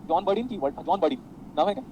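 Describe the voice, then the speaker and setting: A male teacher runs an online physics class, talking quickly in a fairly high voice. He wanders off into side stories and mixes in English terms. A faint hum sits under his voice. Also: lively intonation, lo-fi sound. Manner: chatty, digressive, mixes Hindi and English, calls students beta.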